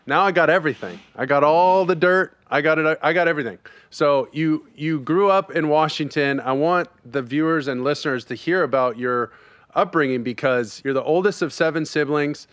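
A man's voice: on the high side, normal speed, a bit bright, clear, resonant tone, no echo. A man hosting a casual podcast interview, asking questions in a chatty, upbeat way. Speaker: podcast host.

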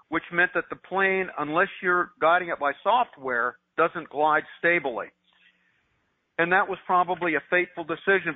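Brief: older male radio co-host phoning in, slightly high voice, dry tinny phone sound, halting news reading. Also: no room sound. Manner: reads news items with restarts and fillers. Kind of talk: tech news talk by phone. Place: at home, calling in remotely. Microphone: phone headset.

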